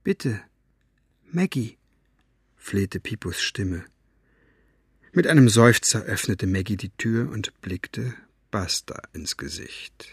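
A man narrating an audiobook with a measured storytelling delivery. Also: lowish voice, vocal fry, breathy edge, no echo, studio quality. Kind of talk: scripted narration.

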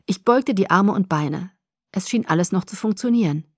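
A woman narrating a novel in the first person, with measured, expressive storytelling. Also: mid-range voice, no room sound, studio quality. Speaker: audiobook narrator.

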